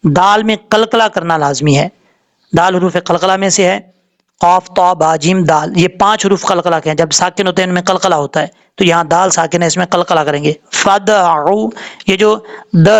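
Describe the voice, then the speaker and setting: A man's voice: high voice, moderate pace. A man teaching Quran recitation rules, patiently explaining letters and vowels step by step. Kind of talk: tajweed lesson, spelling out letters and vowels.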